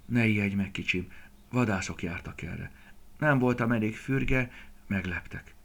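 A man voicing a caring mother roe deer in a storybook, speaking softly and tenderly. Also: lowish voice, gravelly. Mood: weak tender.

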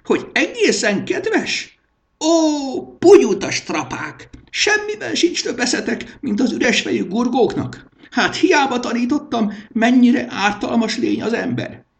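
A man voicing a shrill, tyrannical king of lost things in a storybook reading, with a screeching high voice. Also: big pitch swings, a bit bright. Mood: shrieking rage.

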